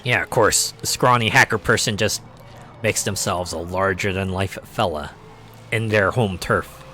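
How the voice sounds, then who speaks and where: A man streaming a racing game, chatting casually and rambling through animated stories, now and then slipping into quick put-on voices for quotes. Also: low-pitched, a little hiss or hum. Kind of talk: casual chat while gaming.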